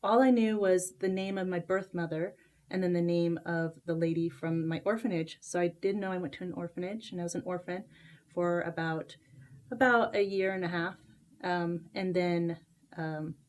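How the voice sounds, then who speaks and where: A woman's voice: lowish voice, fairly even intonation, moderate pace, darkish tone. A woman from Costa Rica who grew up in Utah, a book author talking as a guest in a casual interview, with many fillers and restarts. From Costa Rica, raised in Utah.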